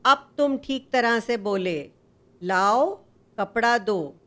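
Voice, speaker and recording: A woman's voice: a little high, expressive, takes it slowly, fairly bright tone. A woman voicing a brusque, busy male washerman who brushes people off. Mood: relenting. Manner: brusque, dismissive.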